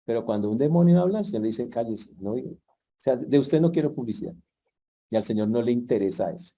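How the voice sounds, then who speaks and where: A man's voice: mid-range voice, lively intonation, fast talker, dark tone. A man preaching a sermon in a conversational way, with playful asides. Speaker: pastor.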